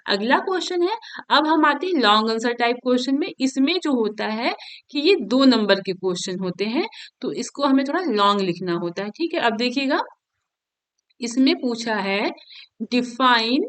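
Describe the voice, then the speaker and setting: A woman teaching from an exam paper, explaining each step and checking in with her students as she goes, reading English examples out slowly. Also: on the high side, lively intonation.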